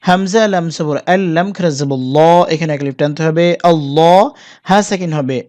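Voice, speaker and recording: Casting: recitation teacher, spells out sounds and then stretches model words slowly, talks straight to viewers. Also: mid-range voice, a little mellow. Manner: drawn-out, slow model pronunciations between brisk explanation; addresses viewers directly. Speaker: Quran pronunciation teacher.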